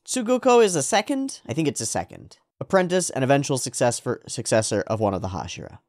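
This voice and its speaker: A man giving casual reaction commentary as a show host, animated and sweary, often repeating phrases for emphasis. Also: mid-range voice, quick pace, dry recording, studio quality.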